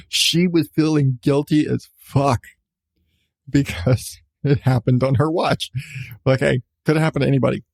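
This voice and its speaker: A man in his thirties hosts a podcast, casually recounting a personal story with plenty of swearing and phrases repeated for emphasis. His medium-pitched voice is gravelly with a darkish tone, and there's no echo.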